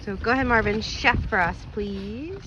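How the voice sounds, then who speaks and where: A woman's voice: medium pitch, normal speed, highs cut off. A woman chatting casually for a camping vlog, talking out in the wind at a campsite. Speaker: camping vlogger. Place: windy campsite, partly in a tent. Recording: wind noise on the microphone.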